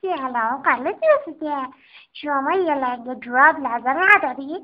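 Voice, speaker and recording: A woman's voice: high-pitched, close to an everyday voice. A woman voicing a lonely holey sock in a storybook, eager and pleading, on a dull lo-fi recording. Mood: hopeful.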